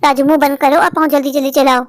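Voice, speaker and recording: A woman's voice: high voice, level tone, fast, background noise, voice pushed down, lightly acted. A woman voicing a harsh young mother in a cartoon story, scolding curtly. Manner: scolding, curt. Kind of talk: dubbed Hindi cartoon story.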